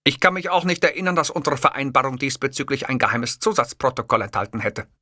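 Man playing pompous old dictator, haughty, emphatic, bright, audiobook. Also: medium pitch, quick pace, dry recording, studio quality. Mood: smug. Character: pompous, self-assured older male dictator. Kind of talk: audiobook character voice.

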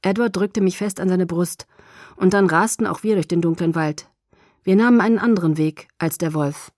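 A woman narrating a novel in the first person with a dramatic, expressive reading. Her voice sits rather low. The sound is close and dry, with no room around it. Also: normal speed, no echo. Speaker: audiobook narrator.

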